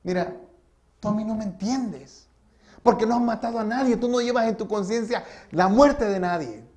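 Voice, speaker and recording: A male preacher voicing a guilt-haunted former soldier who pleads and shouts in desperation. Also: medium pitch, expressive, measured pace, close to an everyday voice. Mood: anguished shouting.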